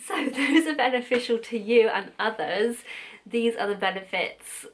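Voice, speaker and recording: A woman's voice: fairly high pitch, animated, measured pace, a little hiss or hum. A young British woman in her twenties chatting casually to camera as a vlogger, swearing freely and laughing at her own slips.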